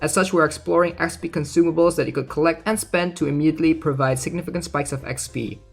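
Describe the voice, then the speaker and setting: A male game streamer with a slightly high, creaky, breathy voice gives casual livestream commentary, thinking aloud hesitantly. He talks fast in a steady tone, with music playing underneath.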